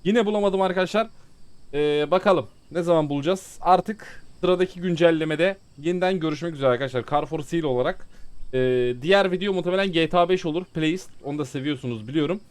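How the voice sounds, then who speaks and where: Smooth, fast, and a little high, a gaming YouTuber's voice carries his chatty let's-play commentary. He speaks directly to viewers while growing exasperated with the game.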